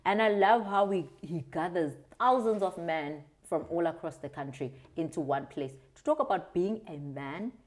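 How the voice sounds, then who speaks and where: A South African woman with a low-pitched voice answers interview questions conversationally. She speaks in an earnest, expressive way, with the accent of her home country. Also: moderate pace, few pauses. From South Africa, Transkei. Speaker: interview guest, video creator.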